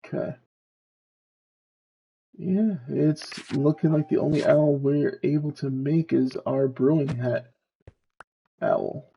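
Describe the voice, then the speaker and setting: A man with a mellow, dark voice and a gravelly edge talks himself through a video game stream. He speaks slowly and muses aloud as he plays. The mic sounds a little dull, with faint background noise. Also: a little high, animated. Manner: slow, musing, talks to himself while playing. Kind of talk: casual gameplay commentary.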